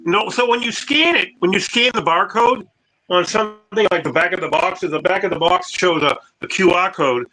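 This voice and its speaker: A man chatting casually as co-host of a collectibles show, rambling with halting restarts, his voice clipping and distorted through a phone mic. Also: high voice, sharp tone, slight background noise. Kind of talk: casual online show chat.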